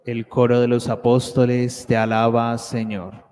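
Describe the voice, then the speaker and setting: A man, a cantor, singing the responses and a hymn in a smooth, sustained way, with cathedral echo around his voice. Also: mid-range voice, monotone, measured pace, darkish tone. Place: large church. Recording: long church-hall reverb with music.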